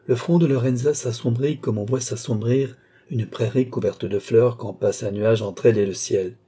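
Dark-voiced male audiobook narrator. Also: medium pitch, steady tone, normal speed, slightly rough. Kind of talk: scripted narration.

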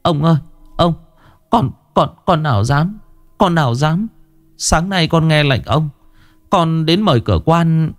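A man's voice: expressive, a little slow, long pauses, dry recording, soft background music. A man voicing a skinny young male servant, groveling and stammering in fright. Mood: frightened pleading. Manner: stammering, pleading, high-pitched.

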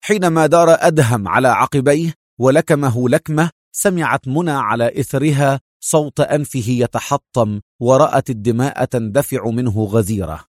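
A male narrator reading an action thriller with vivid storytelling. His voice sits at a medium pitch. The recording is dry and close to the mic. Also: moderate pace, no echo. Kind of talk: dramatic audiobook narration.

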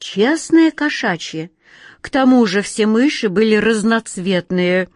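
A woman's voice: medium pitch, expressive, measured pace, no room sound, studio quality. A woman narrating a children's story expressively, speaking directly to her listeners.

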